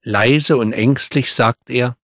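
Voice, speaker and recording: Man, narrator, clear storytelling, mid pitch, dry studio sound. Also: slow, fairly bright tone, dry recording. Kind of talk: scripted narration for a language course.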